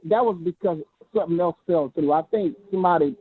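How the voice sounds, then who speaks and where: Faint caller, phone held away. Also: male voice, high voice, fast talker, husky, no room sound. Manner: hesitant, restarts often. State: phone held away from his mouth, sounding faint and low. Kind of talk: casual chat. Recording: tinny phone line.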